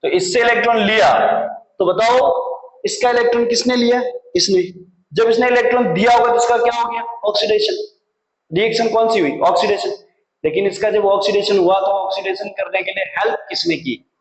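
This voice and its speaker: A man's voice: high voice, fairly even intonation, normal speed. A man teaching chemistry in a classroom lecture, putting questions to the class, answering them himself and repeating the key terms. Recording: echoey classroom.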